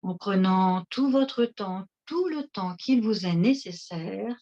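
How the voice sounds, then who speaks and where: A woman leading a guided seated relaxation session, speaking in a slow, soothing, instructive way. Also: mid-range voice, animated, mellow. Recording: dull lo-fi recording.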